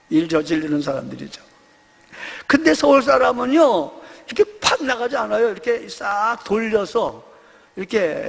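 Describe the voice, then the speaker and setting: Animated male pastor with a gravelly voice. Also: sits high, big-room sound. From Seoul, South Korea. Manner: animated, acts out quoted voices with humor. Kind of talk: Sunday sermon.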